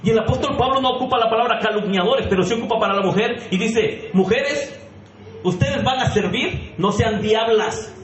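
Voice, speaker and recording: A man's voice: high voice, normal speed, roomy sound, a little hiss or hum, low-quality recording. A man preaching a sermon as pastor, emphatic and questioning the congregation directly. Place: church sanctuary.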